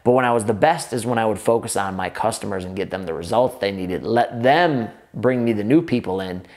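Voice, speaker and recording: An energetic man, a gym owner giving fitness business advice straight to the camera in run-on sentences full of restarts, seated at a table in an indoor office. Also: lowish voice, a little fast. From United States. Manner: energetic, run-on sentences with frequent restarts, gestures with both hands.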